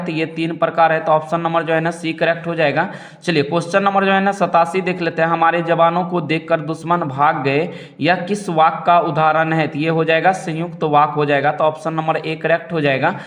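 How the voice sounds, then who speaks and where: A young male teacher with a slightly high voice goes through multiple-choice exam questions one by one. He explains each answer at a steady pace and keeps coming back to the same stock phrases.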